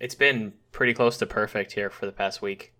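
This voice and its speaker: A young man from Western New York with a nasal voice, hosting a casual podcast chat with fillers and pauses. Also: fairly low pitch. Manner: relaxed, hesitant with fillers. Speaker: podcast host.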